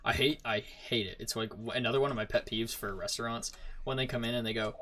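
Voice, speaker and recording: A man's voice: mid-range voice, fast, slight background noise. A young man streaming a game, chatting casually and acting out customers in his stories. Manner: animated storyteller, acts out customers. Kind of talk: casual chat while gaming.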